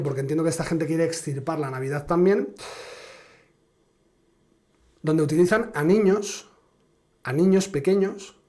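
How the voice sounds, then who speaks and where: A man's voice: on the high side, darkish tone. A man from giving a political commentary monologue, sarcastic and emphatic, drawing out words for dramatic effect.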